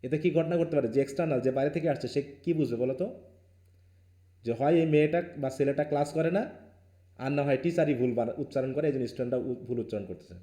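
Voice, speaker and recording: A man's voice: mid-range voice, very fast, dark tone, reverberant. A male teacher from Bangladesh leading a live online class, firm and questioning, mixing Bengali with English.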